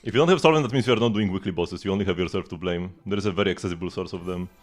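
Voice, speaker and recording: A live streamer with a low voice talks very fast as he plays a game, chatting casually and rambling while repeating phrases. Music plays behind his voice during the livestream commentary.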